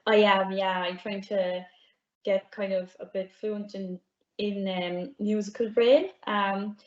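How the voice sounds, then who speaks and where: A young Irish woman, a music PhD student, answers interview questions casually as a guest. Her mid-range voice is flat-toned and slow, soft-spoken with frequent ums and light laughs. The remote audio sounds roomy and dull.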